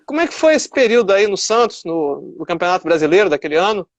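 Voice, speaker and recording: A man's voice: high voice, big pitch swings, fast, no room sound. A man hosting a casual interview, mostly giving brief affirmations and short questions.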